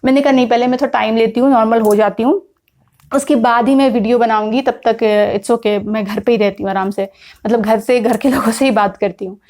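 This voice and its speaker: A woman's voice: fairly high pitch, steady tone, brisk, darkish tone. A young woman from India chatting to camera in a casual vlog, mixing English words into her talk with frequent fillers. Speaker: vlogger.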